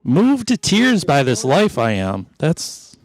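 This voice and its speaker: A man's voice: on the high side, wildly swooping pitch, takes it slowly. A middle-aged man hosting an improv comedy podcast, rambling along in a jokey, mock-sentimental way. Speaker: podcast host.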